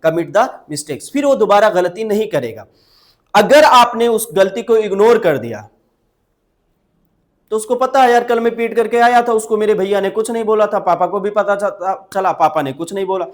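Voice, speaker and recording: A man teaching English phrases, explaining in Hindi, asking the listeners questions and repeating each English phrase slowly. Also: sits high, expressive. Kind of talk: spoken English lesson.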